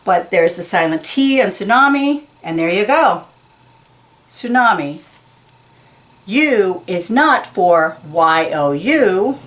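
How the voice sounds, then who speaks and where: A woman reads aloud from a children's picture book, her voice medium-pitched with lively intonation. Speaking slowly and deliberately, she stresses key words carefully and explains them in simple language for young listeners.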